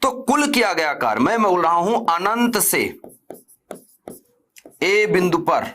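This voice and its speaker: Pitched high and a bit bright, this man's voice is animated yet slow. Teaching physics online, he keeps quizzing his students, supplies the answers himself, and repeats important terms, growing stern whenever he orders them to quit chatting.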